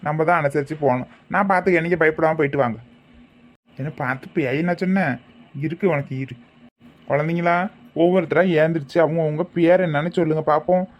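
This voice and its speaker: A man playing a brisk, sharp-tongued kindergarten teacher. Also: fairly high pitch, lightly acted. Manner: brisk, bossy, quick to threaten. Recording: dull lo-fi sound.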